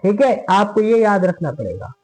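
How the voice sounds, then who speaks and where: A man's voice: sits high, big pitch swings, moderate pace, a little mellow, rough recording. A man teaching Quran tajweed in a patient spoken lesson, repeating each point and often checking in with his students. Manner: patient, repeats points with frequent "theek hai". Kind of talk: slow spoken lesson with recitation examples.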